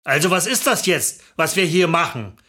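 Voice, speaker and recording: Woman doing grumpy old husband, low mutter, lazy and whiny about everything. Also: animated, moderate pace, fairly bright tone. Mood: grumbling. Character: grumbling lazy older husband.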